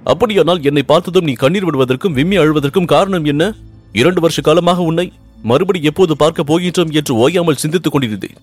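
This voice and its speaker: A man's voice: a little high, fast, slightly rough, soft background music, pitched above the performer's own voice. A man reading aloud and voicing an anxious young prince in love, speaking earnestly and pleadingly. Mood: yearning. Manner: earnest, pleading, rising with emotion. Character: young Pandya prince, ardent and anxious lover.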